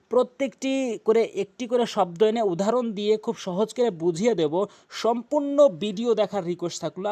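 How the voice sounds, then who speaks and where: Emphatic male recitation teacher with a high voice, drilling sounds by repetition. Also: darkish tone. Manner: emphatic, repeats example sounds slowly. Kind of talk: explanatory lesson.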